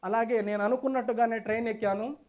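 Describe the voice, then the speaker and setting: Brief: man, high and fast, emphatic testimonial at a hotel seminar. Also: fairly even intonation, a little mellow. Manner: enthusiastic, repetitive, emphatic. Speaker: seminar participant giving a testimonial. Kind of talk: standing testimonial speech to a class. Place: hotel meeting hall.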